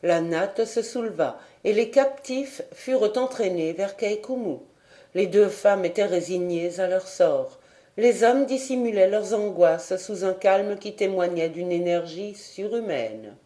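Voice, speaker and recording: Woman, audiobook narrator, unhurried, warm dark tone, measured. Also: medium pitch. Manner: measured, even storytelling. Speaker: audiobook reader. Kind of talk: audiobook narration of a classic novel.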